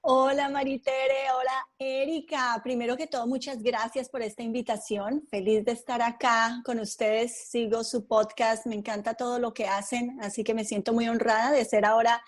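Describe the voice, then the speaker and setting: A woman from Colombia, a podcast guest, telling her story in an unhurried, thoughtful way with frequent fillers. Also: on the high side, level tone. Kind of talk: conversational interview.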